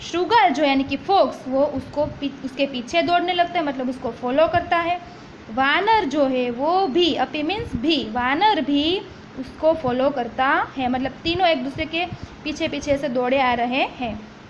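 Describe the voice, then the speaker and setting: Speaking a little slowly in a high voice, a woman teacher explains a textbook story line by line. Language switching and repetition run through her talk, along with frequent checks of "ठीक है?". The recording sounds dull and lo-fi, carrying faint noise.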